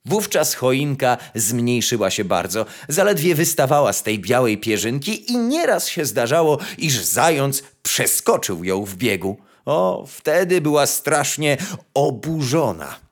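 A man reading a fairy tale aloud with expressive, sing-song storytelling. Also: mid-range voice, a little slow. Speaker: narrator.

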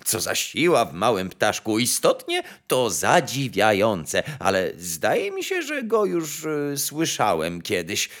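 A man's voice: medium pitch, wildly swooping pitch, slow, few pauses, a bit bright, full character voice. A man voicing a fussy, pompous court chamberlain in a storybook reading, raised and fawning.

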